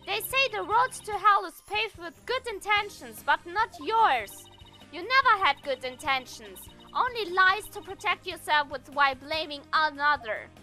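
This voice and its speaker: A woman's voice: extremely high pitch, expressive, a little slow, pushed and bright, faint music behind, pitched above the performer's own voice, exaggerated voice. A woman voicing a confident young defense lawyer who speaks in an accusing, declamatory way.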